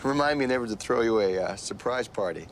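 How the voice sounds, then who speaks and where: An actor playing a concerned boyfriend type, talking hesitantly in film dialogue. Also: male voice, mid-range voice, lively intonation, slight background noise, close to an everyday voice. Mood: worried, gently reproachful. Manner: hesitant, halting. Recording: music behind the dialogue.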